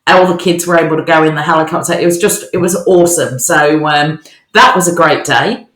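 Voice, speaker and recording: Deep-voiced yet fairly bright in tone, the Australian woman talks briskly as a podcast co-host. Her chat is casual, upbeat and cheerful, and the bare new office they record in gives everything an echo.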